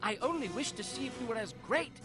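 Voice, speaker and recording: A man's voice: very high-pitched, expressive, quick pace. A man playing a small, polite, plucky hobbit burglar in a video game, with an eager, theatrical delivery. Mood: flattering. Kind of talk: video game hero acting. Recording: music over the voice.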